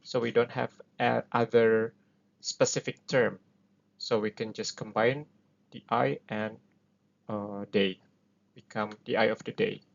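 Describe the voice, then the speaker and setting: This man has a fairly low, creaky voice with a steady tone and an unhurried pace full of pauses. Hosting an explainer in English, his second language, he speaks with an Indonesian accent and works through ideas casually and hesitantly, using plenty of fillers, all on a dull lo-fi recording.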